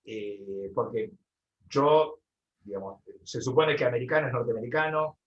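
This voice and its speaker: A man from Buenos Aires with a Rioplatense accent, teaching photography and answering a class question in a halting way, full of fillers and repeated words. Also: medium pitch, lo-fi sound. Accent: Rioplatense Spanish. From Buenos Aires, Argentina.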